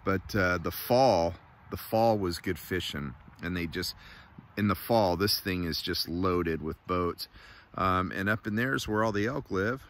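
A middle-aged man chatting casually to camera outdoors, in a laid-back, folksy way with short phrases and pauses. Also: sits low, a little hiss or hum. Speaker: vlogger. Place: outdoors by a river in a wooded valley. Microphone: phone at arm's length.

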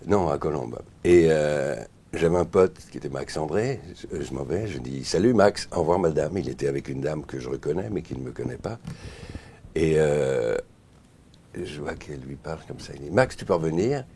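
A middle-aged male voice actor and singer, interviewed, telling lively stories and acting out voices. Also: normal speed, a little hiss or hum. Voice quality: very deep, husky. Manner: lively storyteller, acts out voices.

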